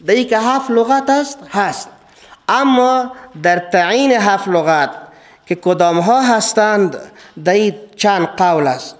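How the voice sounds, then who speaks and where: A man with an Afghan Dari accent, teaching a religious lecture in a slow, deliberate way that repeats key words. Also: sits high. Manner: repeats key words, stresses phrases by rising. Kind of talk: classroom Quran lecture.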